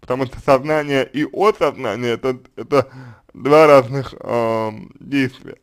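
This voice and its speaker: A man answering a listener's question as a consultant, unscripted, calm and hesitant, with many fillers and restarts. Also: mid-range voice, unhurried, clean tone. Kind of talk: unscripted spoken advice.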